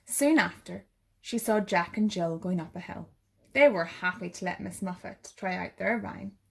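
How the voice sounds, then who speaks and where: A woman narrating a bedtime story for children in a gentle sleep-story manner. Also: on the low side, normal speed, creaky, slightly rough. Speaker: bedtime story reader for a primary school.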